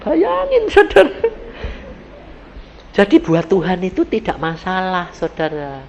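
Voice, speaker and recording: A man's voice: sits high, huge pitch swings, a little slow, vocal fry, muffled recording, slight background noise. A man with a Javanese-tinged Indonesian accent preaching a sermon in a folksy, emphatic storytelling manner. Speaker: evangelist preacher.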